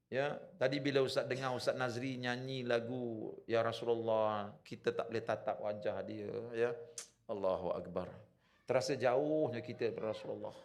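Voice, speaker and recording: A man's voice: mid-range voice, fairly even intonation, normal speed. A man with a Malaysian Malay accent preaching in a village prayer hall, telling stories and asking the audience questions. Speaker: religious preacher. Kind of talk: storytelling sermon.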